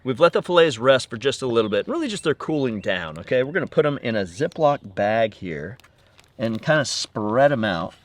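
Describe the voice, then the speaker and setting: Brief: male chef host, mid-pitched, energetic and upbeat, demo-style delivery, dry studio-close sound. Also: normal speed, no echo. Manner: energetic, upbeat, talks straight to viewers. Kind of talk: cooking demonstration.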